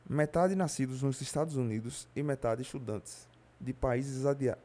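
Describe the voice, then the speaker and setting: A man with a Brazilian Portuguese accent reading a nonfiction audiobook aloud in a steady way, now and then slipping on a word and correcting himself. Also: medium pitch, moderate pace. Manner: steady reading with occasional slips and self-corrections. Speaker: audiobook reader.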